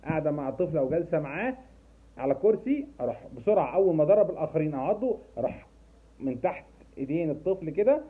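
A man's voice: on the high side, big pitch swings, very fast, husky. A man speaking in an Egyptian Arabic accent, a special education specialist explaining patiently to parents and repeating key points. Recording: tinny phone-like sound.

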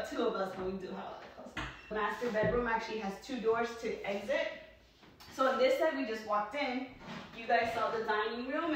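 Far from the mic, a New York vlogger with a slightly high voice shows off her new, sparsely furnished house in a casual walking tour, peppering her talk with ums and likes. Echo from the bare rooms and a little hiss or hum color the recording.

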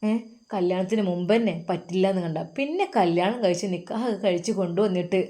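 A woman playing a gentle pious old mother. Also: fairly low pitch, brisk, close to an everyday voice. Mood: tender. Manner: tender, pleading, softly preaching.

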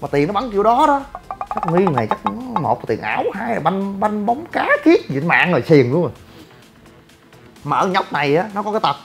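A man's voice: high voice, big pitch swings, fairly quick, vocal fry, soft background music. A young man, talking bluntly and brashly in a rambling livestream monologue. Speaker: gym owner and online personality.

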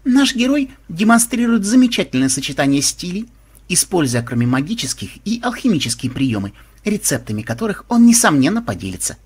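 A man's voice: a little high, big pitch swings, brisk, husky, pitched above the performer's own voice. A man voicing a sugary young woman reporting on a game for an audiobook. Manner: syrupy, presenter-like delivery.

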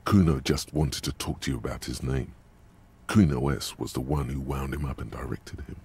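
A video game inner narrator, grave and measured, extremely low, gravelly. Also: male voice, darkish tone, heavily acted. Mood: calm coaching. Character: man, stern inner narrator voice of a detective.

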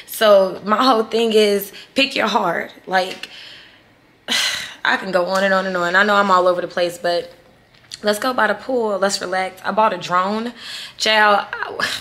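Bright-voiced chatty woman in her 30s. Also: medium pitch. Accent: Southern US. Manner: emotional, chatty, rambling. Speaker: vlogger. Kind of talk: casual chat to camera. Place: resort room. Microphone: phone or camera held to self.

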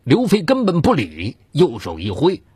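His pitch swoops wildly as this man narrates a dramatized true-crime story, theatrical and suspenseful, at a moderate pace. The voice is slightly mellow and husky, recorded without echo.

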